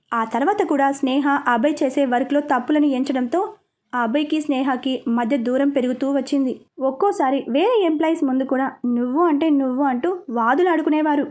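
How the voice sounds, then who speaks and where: A woman narrating a scripted serialized story in a steady, expressive reading voice. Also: high voice.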